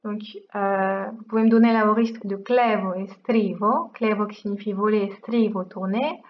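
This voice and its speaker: A woman's voice: medium pitch, fairly even intonation, unhurried, dull audio. A woman teaching a language lesson in a casual, chatty way, explaining step by step and asking herself rhetorical questions.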